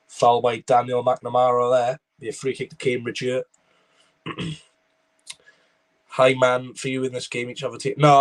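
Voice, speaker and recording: On a live stream, a young Welshman commentates on a football match loosely and casually. He rambles and chats, switching between the game and reading his viewers' comments aloud. The recording quality is low.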